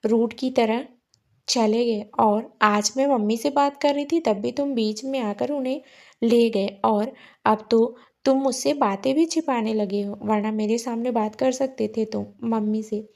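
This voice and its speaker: A tearful young wife, sharp and accusing, her voice pushed higher than the reader's own, as a woman narrator acts her. Her lines come out louder and hurt in a storybook reading. The tone stays mellow underneath. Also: unhurried.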